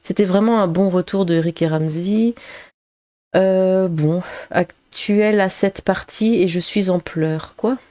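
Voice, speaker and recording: Reading comments aloud, this streamer laughs, tosses out sarcastic lines, and fills gaps with "euh" during her casual commentary. Her voice is lowish and mellow, with no room sound.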